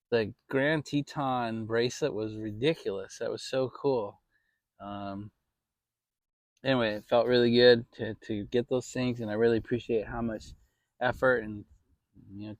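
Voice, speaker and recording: A man's voice: medium pitch, dry recording. An American man giving a casual, rambling, mildly salty chat to his viewers from his backyard outdoors. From Maryland, United States. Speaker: vlog host.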